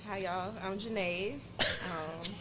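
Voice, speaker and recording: A woman's voice: medium pitch, steady tone, takes it slowly, background noise. A young woman, a photographer who is a guest on a podcast, talking in an easygoing, upbeat way. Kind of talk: casual chat.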